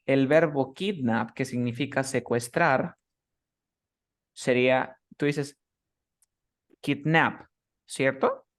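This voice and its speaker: A man giving a private language lesson at a steady mid pitch. His delivery is patient and methodical, and he breaks up each rule with quick checks for understanding. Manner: patient, keeps checking understanding with short questions. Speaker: English teacher. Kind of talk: explaining grammar rules in a one-on-one class.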